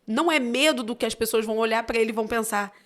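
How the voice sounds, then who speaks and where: Brazilian-accented woman, podcast guest, expressive storyteller with a voice pitched a bit high. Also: rapid-fire. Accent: Brazilian Portuguese. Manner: lively, expressive anecdote-telling. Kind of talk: casual storytelling chat.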